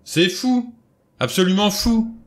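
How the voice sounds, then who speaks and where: A man reading a novel aloud, voicing a hardened adventurer who speaks fiercely, his voice shaky and close to shrill. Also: moderate pace, lightly acted. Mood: frantic.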